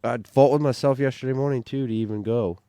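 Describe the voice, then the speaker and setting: A man's voice: medium pitch, steady tone, fast talker, warm tone, smooth, no room sound, clean studio sound. A man in casual podcast chat, telling a story in a rambling way with lots of fillers and restarts. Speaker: bowhunter on a hunting podcast.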